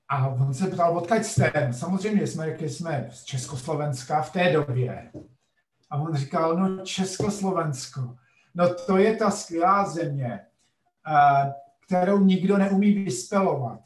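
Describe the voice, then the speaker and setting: A man's voice: a little high, reverberant, distant mic. A middle-aged man, a geography professor, telling a story in a lecture-like way, emphatic, with frequent hesitation sounds. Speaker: podcast guest, geography professor.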